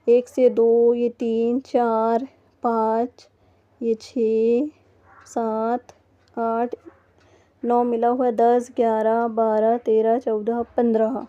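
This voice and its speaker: A woman's voice: fairly high pitch, mellow. A woman teaching a first-grade textbook lesson to young children, patiently sounding out words letter by letter. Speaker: primary school teacher. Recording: dull lo-fi recording.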